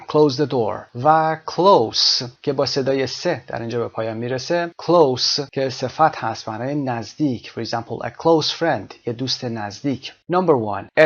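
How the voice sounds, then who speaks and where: A man teaching an English lesson. He reads the English examples slowly and deliberately, then explains them at a quicker pace. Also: mid-range voice, dull audio. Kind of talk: recorded language lesson.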